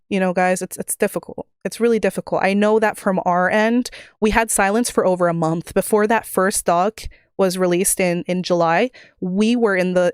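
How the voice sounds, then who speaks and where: A woman's voice: mid-range voice, clear, resonant tone, no echo, clean studio sound. A woman livestreamer talking casually to her viewers, rambling with many fillers and restarts into a desk microphone at home. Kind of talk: casual live-stream chat.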